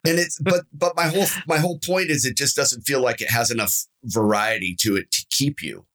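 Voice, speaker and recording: A man's voice: mid-range voice, brisk, a bit bright. A man co-hosting a casual gaming podcast, chatting in a laid-back way and calling people "dude" and "man". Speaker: podcast co-host.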